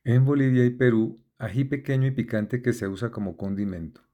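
A man reading a list of words with their definitions, slowly and methodically spelling out letters and accent marks. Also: mid-range voice, warm tone. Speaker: word list reader. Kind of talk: slow dictionary-style reading.

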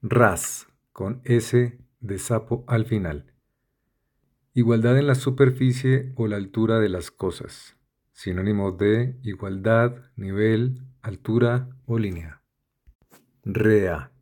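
A man methodically reads dictionary entries aloud, spelling out letters and listing synonyms in a slow, deliberate way. His voice is fairly low and a little mellow, and his pace is slow.

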